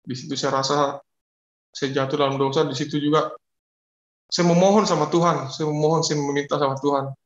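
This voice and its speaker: A man giving an emotional personal faith testimony as a guest, speaking haltingly and repeating his phrases. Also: a little high, fairly even intonation, roomy sound, highs cut off.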